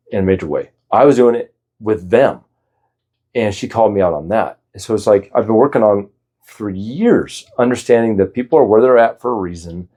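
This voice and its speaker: A man's voice: lowish voice, mellow. A man hosting a solo podcast, reflecting candidly in a casual, rambling way with frequent restarts. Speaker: podcast host.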